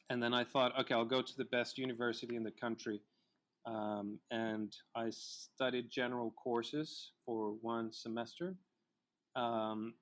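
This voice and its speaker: A man's voice: mid-range voice, fairly bright tone. Reflective Colombian filmmaker man. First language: Spanish. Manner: reflective storyteller, many fillers. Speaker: filmmaker guest. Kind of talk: casual interview chat.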